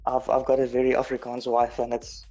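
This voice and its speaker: A man's voice: medium pitch, monotone, fairly quick, warm tone, highs cut off, faint music behind. A South African man chatting casually as a guest, often stumbling over his opening words. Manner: hesitant, stumbling starts. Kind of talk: casual chat.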